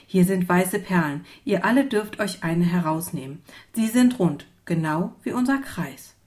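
A woman's voice: on the low side, measured pace, a little mellow, lightly acted. A woman voicing a friendly female schoolteacher who speaks patiently and encouragingly to small children. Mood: welcoming.

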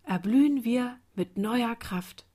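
A woman voicing a small, weary daisy child in a storybook, speaking softly and gently. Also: a little high, slow pace, husky. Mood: hopeful. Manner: soft, weary, hushed. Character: tiny tired young daisy child.

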